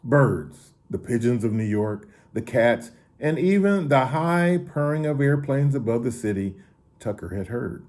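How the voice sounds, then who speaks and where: A man reading a children's book aloud, expressive, now and then backing up to reread a line. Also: medium pitch, a little slow. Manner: expressive reading with occasional restarts. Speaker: story reader. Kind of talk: children's story read-aloud.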